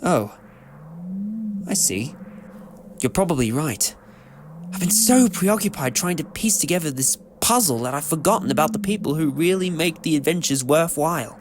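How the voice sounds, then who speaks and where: A man playing an eccentric, excitable time-travelling adventurer in a fan audio drama, talkative, theatrical and whimsical. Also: on the high side, normal speed, noisy background, close to an everyday voice. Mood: contrite.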